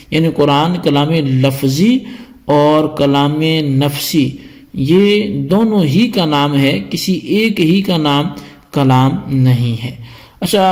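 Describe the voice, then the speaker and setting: Higher-pitched man teaching a religious text. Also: darkish tone. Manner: explanatory, defines terms step by step. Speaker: teacher of Quranic exegesis. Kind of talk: scholarly lecture to students.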